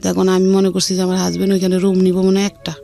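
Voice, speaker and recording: A creaky, lowish voice speaks at a quick pace: a middle-aged woman with a colloquial Dhaka Bengali accent, guesting on a radio show. She candidly recounts her life, acting out what people said in an earthy, unpolished, animated fashion, over background music.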